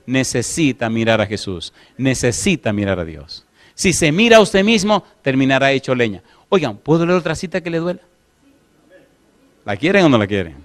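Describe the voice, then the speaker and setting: A man preaching a sermon as pastor, firing questions at his congregation and reading scripture slowly and deliberately. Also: fairly high pitch.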